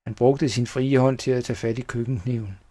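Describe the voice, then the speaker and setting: A man reading a children's horror story aloud as a steady first-person narrator. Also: mid-range voice.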